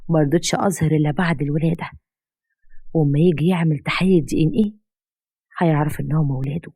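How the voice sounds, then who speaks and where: A woman's voice: low-pitched, warm tone, slightly rough, dry recording, clean studio sound. A woman voicing a scheming, manipulative young ex-wife who taunts and threatens.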